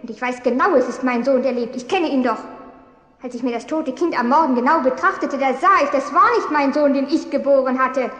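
A young mother pleading for her child, emotional and urgent. Her voice is high. A long hall echo surrounds it. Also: a little fast, a bit bright. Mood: desperate.

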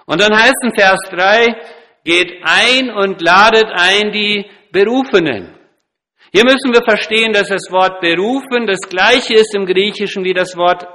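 Slow, bright-voiced male preacher. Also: high-pitched. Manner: deliberate, explanatory, stresses key words. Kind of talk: sermon teaching on scripture.

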